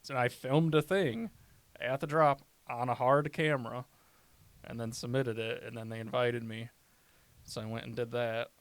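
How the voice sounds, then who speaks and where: A man's voice: medium pitch, fairly even intonation, normal speed, clear, resonant tone, dry recording. A man, a stand-up comedian, chatting casually on a podcast, telling rambling stories and swearing often. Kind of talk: casual chat.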